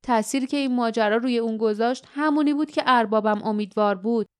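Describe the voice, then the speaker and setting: A woman voicing a humbled man who leads a village, speaking stiffly and then with quiet remorse, in an audiobook. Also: a little high, smooth, no echo, clean studio sound, close to an everyday voice.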